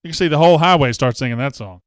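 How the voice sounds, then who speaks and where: A man with a fairly high voice hosts a casual live stream, racing through chat, reading viewer comments, and cracking self-deprecating jokes. The sound is clean studio quality with no echo.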